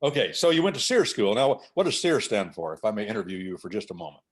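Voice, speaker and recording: Lively, emphatic male talk host. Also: lowish voice, quick pace. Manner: emphatic, preacher-like repetition of points. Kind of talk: conversational talk on faith and order.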